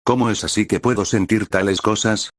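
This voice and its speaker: A man's voice: fairly low pitch, fairly even intonation, moderate pace, no echo, studio quality. A man reading a fan fiction story aloud in the first person, with emotional, dramatic storytelling.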